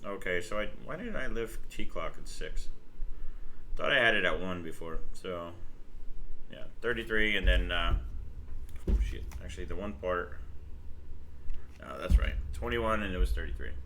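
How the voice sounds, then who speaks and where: A New Jersey man hosting a laid-back live stream speaks in a low voice with lively intonation at a normal speed, pausing often. He chats, greets viewers, and explains overclocking settings as he works, with background noise present.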